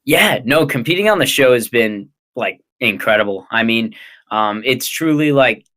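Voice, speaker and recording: A man's voice: medium pitch, expressive, normal speed, bright, forceful tone. A young man with an American accent, answering casually as an interview guest in a hesitant, rambling way. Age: young adult. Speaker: interview guest, ninja athlete and coach.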